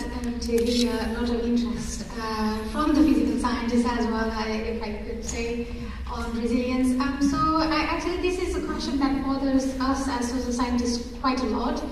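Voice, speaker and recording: A woman from Nepal speaking as a panelist in an academic discussion, thoughtful and pausing with fillers. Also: on the high side, a little mellow. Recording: echoey hall, distant mic, faint noise.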